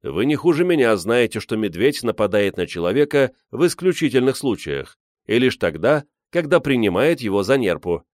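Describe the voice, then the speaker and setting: A man's voice: medium pitch, big pitch swings, normal speed, no room sound, clean studio sound, pitched above the performer's own voice, natural voice. A man playing an earnest, fussy male scientist with a prim, pedantic manner.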